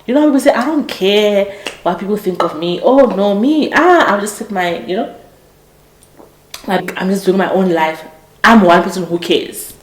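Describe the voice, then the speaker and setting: A woman in her late twenties, hosting a podcast, gives a casual motivational monologue in an expressive, medium-pitched voice at normal speed. She sounds earnest and reflective and keeps restarting or correcting herself mid-sentence. It's a low-quality recording in an echoey room.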